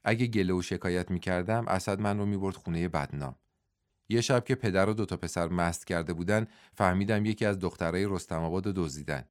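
A man's voice: deep voice, natural voice. A man reading as a desperate young widow. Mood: pleading. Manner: tearful, pleading confession. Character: young widowed woman servant, desperate and pleading.

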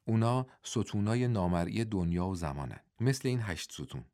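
A man's voice: on the low side, animated, a little mellow, close to an everyday voice. Intense young male wrestler with mystic beliefs, earnest and preachy, read by a male narrator.

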